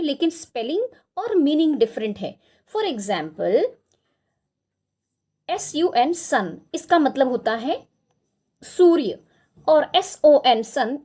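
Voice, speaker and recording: Indian woman English teacher, high voice, unhurried, spells words out letter by letter. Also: darkish tone. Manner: mixes Hindi and English, spells words letter by letter, asks "right?". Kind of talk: explaining lesson.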